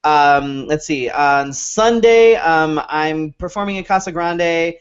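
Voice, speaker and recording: A man co-hosts a show, rambling through casual chat, plugs and a sign-off while swearing freely. His voice is fairly high with a clean tone, and he takes his time, though the recording itself is dull lo-fi audio.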